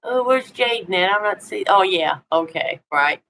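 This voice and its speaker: A woman's voice: medium pitch, animated, normal speed, gravelly, pushed and bright, slight background noise, low-quality recording. A woman of sixty with a Tennessee accent, chatting casually and folksily with viewers on a live stream. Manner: folksy, chatty, with homespun exclamations.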